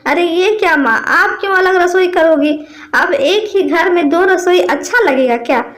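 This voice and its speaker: A woman's voice: very high voice, normal speed, a bit bright, echoey room. A woman voicing a young husband caught between his wife and mother, exasperated and pleading.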